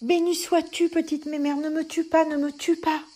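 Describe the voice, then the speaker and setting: A woman doing a frightened pleading girl, high and loud. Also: little pitch movement, moderate pace, close to an everyday voice. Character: frightened young girl from a pomegranate.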